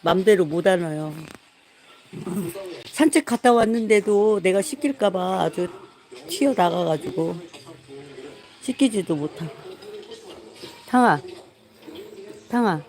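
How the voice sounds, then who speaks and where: A woman's voice: medium pitch, expressive, slow pace, pauses often, darkish tone, rough recording. A woman streaming live and coaxing her pet dog to come and get washed. She repeats herself over and over in a sing-song tone and breaks into chuckles. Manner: coaxing, repetitive, laughing often. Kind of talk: casual live stream talk.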